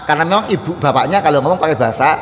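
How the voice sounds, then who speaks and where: Javanese guy preaching in a mosque, jokey stories, fairly high voice, lots of hall echo. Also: expressive, very fast, slight background noise. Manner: humorous storytelling, acts out quoted dialogue; rises to loud emphatic lists. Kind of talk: mosque sermon.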